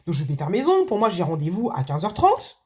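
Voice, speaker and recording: A woman's voice: fairly low pitch, wildly swooping pitch, fast talker, husky. A woman chatting casually to her viewers about her budget binder, telling a long story with many asides, fillers and restarts, from home at her desk. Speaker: budgeting vlogger. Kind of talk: casual chat to camera.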